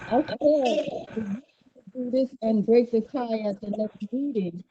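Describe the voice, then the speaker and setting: A woman speaks up in an online board meeting, her fairly high voice reaching the listener muffled and bass-heavy. The call audio is dull and lo-fi with a faint hiss underneath. She repeats her point insistently. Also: takes it slowly. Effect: muffled, bass-heavy sound. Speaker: community board member. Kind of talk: virtual meeting discussion.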